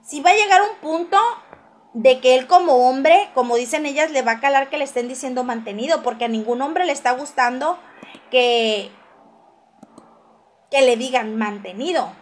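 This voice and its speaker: A woman's voice: high-pitched, normal speed. A woman hosting a casual gossip livestream, reading viewer comments aloud and answering them with teasing asides and frequent laughs.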